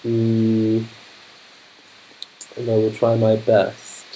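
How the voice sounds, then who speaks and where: A man from London with a polished, non-Cockney London accent, an English teacher commentating a game livestream, speaking slowly and clearly for learners. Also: lowish voice, completely flat delivery, mellow, rough recording. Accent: polished London English, not Cockney. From London, England. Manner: upbeat, keeps saying fantastic.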